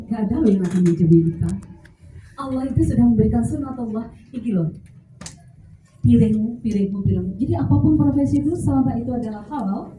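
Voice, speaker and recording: A woman with a Javanese accent giving an animated, joking workshop talk to teachers. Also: a little high. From Central Java. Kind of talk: lively lecture to an audience. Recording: echoey hall, mic at a distance, faint noise.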